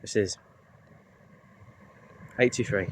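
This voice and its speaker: A man giving casual trainspotting commentary in brief, clipped remarks, calling out numbers. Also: slow pace. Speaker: trainspotting vlogger. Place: railway station platforms. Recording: very noisy outdoor railway recording. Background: loud trains and station ambience.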